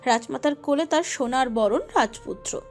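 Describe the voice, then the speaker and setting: Woman storyteller, high voice, emotive scripted narration over soft music. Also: moderate pace. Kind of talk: dramatic scripted narration of a romantic audio story.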